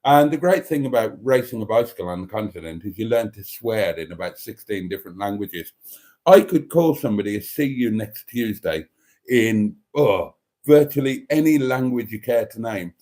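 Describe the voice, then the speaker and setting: Hosting a laid-back livestream from a cold room at home, a man with a lowish, dark voice and lively intonation speaks at a normal pace. He cheekily chats through viewer comments and calls his viewers darlings.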